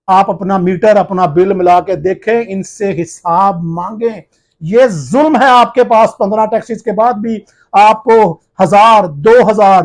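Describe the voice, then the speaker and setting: A male journalist from Pakistan, addressing viewers in a forceful, accusing, challenging tone. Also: high voice.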